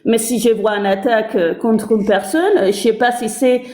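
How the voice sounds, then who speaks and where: A woman's voice: fairly high pitch, normal speed, a little mellow. Spanish-accented woman, echoey sound. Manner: repeats words when starting a sentence. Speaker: debate participant. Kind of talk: heated live debate.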